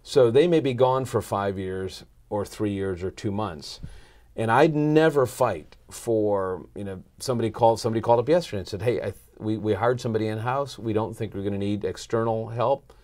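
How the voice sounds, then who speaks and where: Recorded on a lapel mic in a small indoor podcast studio, this middle-aged American man is a marketing consultant being interviewed. His voice sits on the low side, a little fast and a little mellow, and he explains things earnestly and conversationally, voicing snippets of dialogue.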